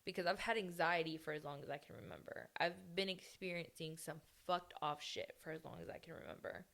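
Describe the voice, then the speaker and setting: A young adult woman talks frankly into her own podcast, blunt and full of swearing. Her voice sits on the low side, with a gravelly, fry-laden texture. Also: fairly even intonation, brisk, a bit bright. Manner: blunt, heavily profane venting. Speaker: podcast host. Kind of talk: candid personal monologue.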